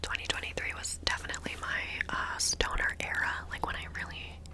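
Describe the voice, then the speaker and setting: A woman's voice: a little fast, bright, forceful tone. A woman whispering an informal, meandering ASMR ramble close to the microphone, ear to ear, sometimes repeating words. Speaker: ASMR video creator.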